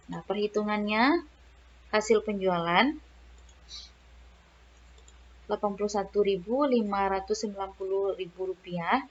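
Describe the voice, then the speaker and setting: A woman's voice: mid-range voice, muffled recording. A woman teaching accounting in a recorded lecture, explaining step by step and often checking in with filler words and "ya". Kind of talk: recorded lecture over slides.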